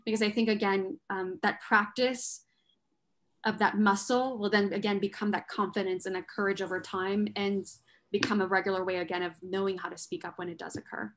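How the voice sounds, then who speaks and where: A woman's voice: mid-range voice, little pitch movement, brisk, slight background noise. A woman on a panel discussion, telling a personal story in an earnest, reflective way with many fillers and restarts. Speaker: panel guest. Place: New York.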